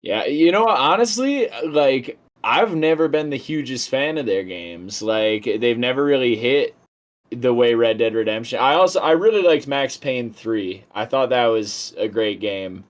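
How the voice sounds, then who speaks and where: A man's voice: medium pitch, lively intonation, measured pace. A young man streaming a game, talking in a rambling, enthusiastic way and swearing casually as he chats. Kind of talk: casual live-stream chat while gaming.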